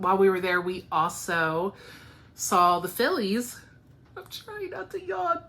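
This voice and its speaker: A tired woman in her forties talks casually to the camera at home, a little low for a woman. Her chat is loose and friendly, full of ums and small laughs as she fights off yawns. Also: bright, forceful tone. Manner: chatty, frequent ums, laughs often, sleepy and yawning. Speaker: knitting podcast host.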